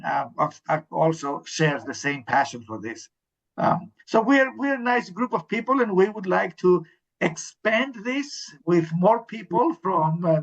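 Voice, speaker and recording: A man's voice: sits high, vocal fry. Hesitant middle-aged man, dull lo-fi line. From Sweden. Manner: hesitant, many ums and restarts. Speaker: interim dean and panelist. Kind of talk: panel discussion answers.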